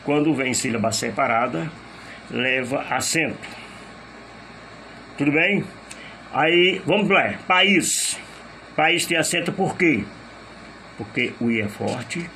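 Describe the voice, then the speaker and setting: A man's voice: mid-range voice, gravelly, fairly bright tone, a little hiss or hum. A man teaching a grammar lesson, patiently repeating each rule step by step and asking rhetorical questions. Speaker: Portuguese teacher.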